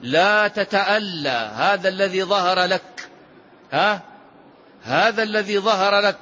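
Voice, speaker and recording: A man's voice: sits high, unhurried, sharp tone. A man, a sheikh, giving a classical religious lesson and explaining texts, often asking his listeners a rhetorical question. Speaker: sheikh teaching a hadith book. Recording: slightly dull lo-fi recording.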